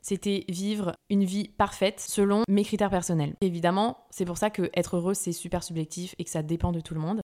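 Chatty young woman, slightly low voice. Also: fairly even intonation, a little fast, few pauses, dark tone. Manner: chatty, informal, many fillers and restarts. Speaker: podcast host. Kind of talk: casual self-help podcast monologue.

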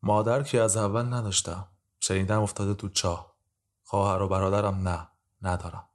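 A man voicing a guarded, weary thirty-year-old woman on trial, answering in a quiet, muffled way. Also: deep voice, level tone, close to an everyday voice. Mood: subdued.

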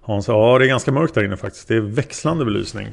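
A man reading the lines of a hesitant male taxi driver being questioned as a witness, in a plain, halting way. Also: fairly low pitch, vocal fry. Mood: unsure. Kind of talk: read-aloud interrogation transcript.

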